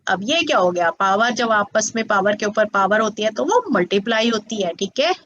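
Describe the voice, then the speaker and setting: A woman's voice: mid-range voice, expressive, normal speed, a bit bright. A woman teaching maths to students as a tutor, patient and coaxing, often checking that they follow. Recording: slightly dull lo-fi sound.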